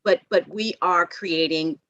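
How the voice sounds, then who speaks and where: A woman's voice: lowish voice, steady tone, unhurried, a bit bright, highs cut off, a little hiss or hum. A woman presenting a housing proposal at a public meeting over a video call, hesitant and full of fillers. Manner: hesitant, many fillers and restarts.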